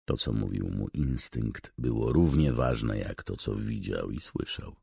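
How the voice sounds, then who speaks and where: A man reading an audiobook in a measured, scripted narration. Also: very deep voice, vocal fry, a little mellow, breathy edge, no echo, clean studio sound.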